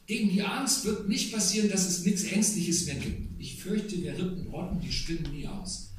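A man's voice: high-pitched, animated, normal speed. A man preaching a sermon in a conversational way, with asides to the congregation. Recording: very echoey hall, voice from a distance.

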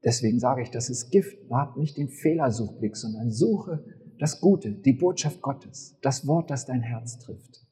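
Preacher, man, husky and mellow, animated storyteller, church-hall echo. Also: medium pitch, a little slow. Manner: animated storytelling, acting out the figures' lines. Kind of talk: sermon.

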